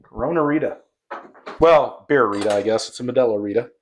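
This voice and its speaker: Man in middle pitch, bartender co-host, relaxed and playful in banter. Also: fairly quick, a little hiss or hum. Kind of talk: casual chat.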